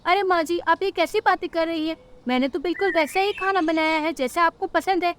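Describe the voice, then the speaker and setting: A meek young wife bird from a cartoon storybook, as a woman puts her on, with a very high, thin voice. She speaks politely and pleads to keep the peace. A faint hiss lies behind her. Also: a little fast. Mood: pleading. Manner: polite, pleading, eager to please.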